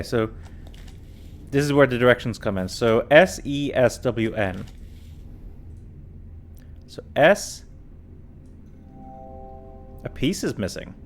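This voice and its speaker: A tired man streaming a puzzle game, talking casually and thinking aloud as he works through it. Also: mid-range voice. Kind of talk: casual let's-play commentary.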